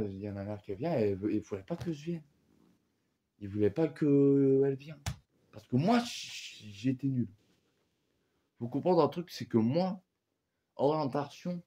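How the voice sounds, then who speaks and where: A man's voice: medium pitch, darkish tone. Rambling casual male vlogger. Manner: rambling, heavy fillers and slang. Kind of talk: casual unboxing vlog.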